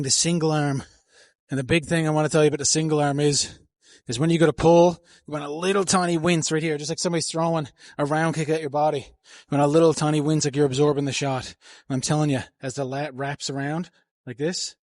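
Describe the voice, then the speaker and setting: A man with a high-leaning, slightly mellow voice vlogs his gym session, coaching and rambling casually into a handheld mic. He breathes hard between sets. The sound is studio quality and has no echo.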